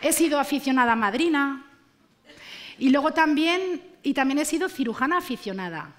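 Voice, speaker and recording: A woman, performing a stand-up comedy monologue on a TV stage, animated and ironic. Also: sits high, normal speed, some chatter behind. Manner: animated, ironic, acts out characters. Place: TV studio stage with live audience.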